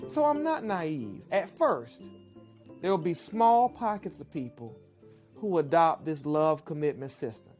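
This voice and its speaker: A woman giving measured, persuasive relationship advice in a documentary interview. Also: low voice, big pitch swings, music in the background. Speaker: relationship speaker.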